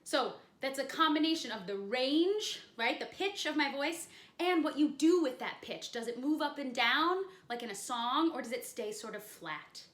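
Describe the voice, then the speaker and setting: A woman teaching a children's acting workshop from a room at home, upbeat and talking straight to the kids watching, with a fairly flat delivery. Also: high voice, roomy sound.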